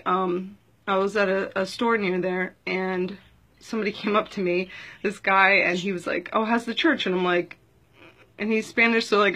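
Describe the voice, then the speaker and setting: A woman's voice: mid-range voice, fairly bright tone, poor audio. Earnest rambling woman sharing a testimony. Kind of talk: casual testimony vlog.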